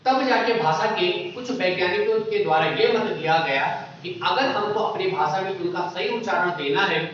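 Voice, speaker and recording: A man's voice: fairly high pitch, fairly bright tone, very echoey, far from the mic, dull audio, a little hiss or hum. A man teaching a Hindi grammar lesson for exam prep. He asks questions and answers them himself, and he keeps repeating the key terms.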